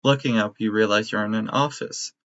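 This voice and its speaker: A man acting as game master, narrating a tabletop game in a steady, descriptive way. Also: fairly low pitch, fairly quick. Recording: dry, slightly muffled audio.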